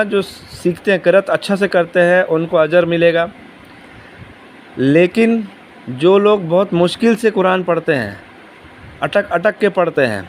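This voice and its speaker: Guy giving a quran lesson, a bit high voice, repeats stuff, asks questions, faint traffic behind. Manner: explains slowly, repeating key words and asking questions. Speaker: religious teacher.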